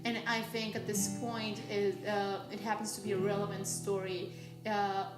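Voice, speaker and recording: Woman from mexico, playwright, measured interview talk, echoey room, guitar music behind. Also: mid-range voice, level tone. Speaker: playwright and actor. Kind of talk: documentary interview.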